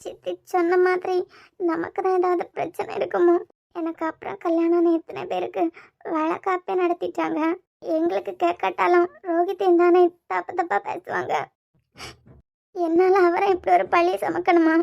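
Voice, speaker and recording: A woman voicing a tearful young cartoon wife with a very high voice. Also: level tone, normal speed, creaky, a little mellow, muffled recording, full character voice. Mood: troubled. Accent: Kanyakumari Tamil. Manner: plaintive, hesitant. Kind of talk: cartoon voice acting.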